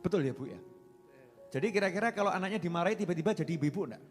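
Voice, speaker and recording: A man with a Javanese accent preaching a sermon, lively and joking, slipping into Javanese phrases. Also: high-pitched, racing. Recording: reverberant hall with faint music.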